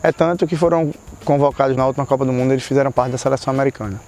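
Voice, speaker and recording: A man from the team's staff explains things briskly. He talks at a rapid clip in a mid-range voice. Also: mid-range voice, steady tone, darkish tone, slight background noise. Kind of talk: interview commentary.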